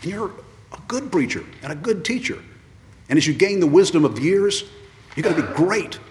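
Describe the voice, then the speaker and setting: A man's voice: a little high, sing-song, moderate pace, a little mellow, slight background noise. A man preaching an earnest ordination sermon, repeating his refrains. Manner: earnest, repeats refrains, acts out quoted voices. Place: church. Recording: long reverb of a large church.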